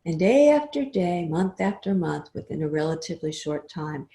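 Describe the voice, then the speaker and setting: An older woman giving a webinar talk, telling stories expressively and often trailing off into a soft, quiet voice. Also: on the low side, very animated, moderate pace. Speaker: webinar speaker. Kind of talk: storytelling talk. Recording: roomy echo.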